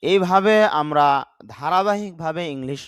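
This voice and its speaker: A man's voice: high-pitched, a bit bright, clear, resonant tone, dry recording. A man teaching English vocabulary to learners, saying each word, repeating it, spelling it out and explaining how to pronounce it correctly. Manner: slow, deliberate, repeats words and spells them out. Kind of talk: vocabulary lesson with pronunciation drills.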